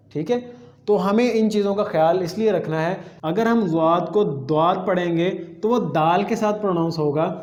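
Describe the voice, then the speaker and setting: A man teaching Quran letter pronunciation, explaining each sound patiently and repeating it slowly for the listener. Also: high voice, a little mellow, reverberant. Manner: demonstrates sounds slowly and repeats them, often checks in with listeners. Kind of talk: patient step-by-step lesson.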